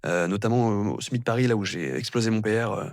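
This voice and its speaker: Fast-talking man, rambling and relaxed. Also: lowish voice, dry recording, clean studio sound. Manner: rambling, many fillers and restarts. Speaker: guest, physiotherapist and amateur triathlete. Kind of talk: casual podcast conversation.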